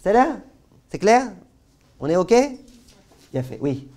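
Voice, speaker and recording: Un homme, rabbin, qui donne un cours de loi juive vivant, avec des anecdotes, et qui passe souvent de l'emphase forte aux apartés à voix basse. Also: male voice, takes it slowly. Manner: animated storyteller, jumps between loud stress and quiet asides; asks the class questions. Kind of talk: lively halakha class told with anecdotes.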